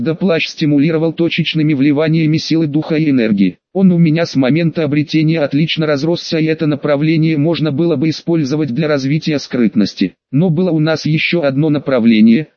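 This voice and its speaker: A man reading a fantasy audiobook aloud in the first person, with a slightly high voice and a measured, wry, chatty delivery. The sound is dull and fully dry, with no room at all. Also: no echo. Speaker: audiobook narrator.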